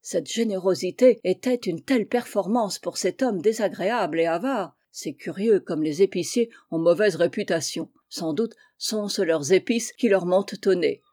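A woman reading a storybook tale aloud, expressive, voicing the villagers in turn. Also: lowish voice, moderate pace, hardly any pauses, no echo, clean studio sound. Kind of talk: read-aloud storybook narration.

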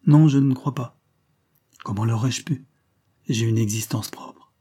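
Bitter proud young woman, a guy reading her lines, husky and mellow, sharp cutting tone. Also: mid-range voice, a little slow, close to an everyday voice.

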